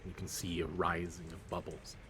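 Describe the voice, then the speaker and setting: A man's voice: low voice, completely flat delivery, moderate pace, background noise. A man running a tabletop game as game master, narrating loosely with restarts and fillers. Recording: music playing behind.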